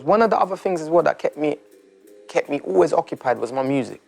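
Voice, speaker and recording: Gravelly man telling his story. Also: on the high side, expressive, a little mellow, faint music behind. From Turkey. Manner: reflective, halting, frequent restarts. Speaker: interviewee. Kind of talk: documentary interview, personal story.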